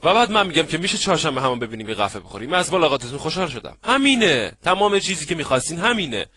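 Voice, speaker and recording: A man giving an animated seminar lecture on networking, acting out little scenes and checking that his audience follows. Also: fairly high pitch. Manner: lively, acts out little scenes, asks the audience if they follow. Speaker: networking trainer.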